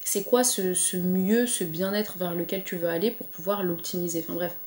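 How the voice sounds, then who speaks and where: A woman's voice: fairly low pitch, steady tone, normal speed, darkish tone, roomy sound. A woman vlogger talking casually to camera, chatty and encouraging, with frequent fillers. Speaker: lifestyle vlogger. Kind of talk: casual motivational chat to camera.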